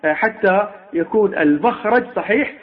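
A high-pitched middle-aged man gives a recitation lesson. He pauses often on long fillers and slowly sounds out single letters to show how they are made. The recording is dull and muffled. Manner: halting, with frequent drawn-out filler sounds. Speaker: Quran recitation teacher.

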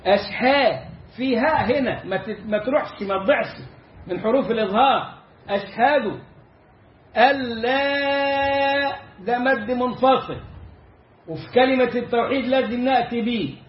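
High-voiced Egyptian man teaching recitation. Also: expressive. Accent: Egyptian Arabic. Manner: explanatory, slowly drawing out example words. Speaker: Islamic teacher. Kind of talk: lecture on Quran recitation rules. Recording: echoey, slightly dull room recording.

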